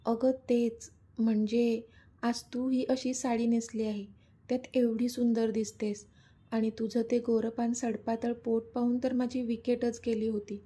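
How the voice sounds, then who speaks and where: A woman's voice: on the high side, flat delivery, unhurried, dark tone, breathy edge. A woman reading a teasing lovestruck young man. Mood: coaxing, playful. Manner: pleading, playful, coaxing. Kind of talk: storybook narration.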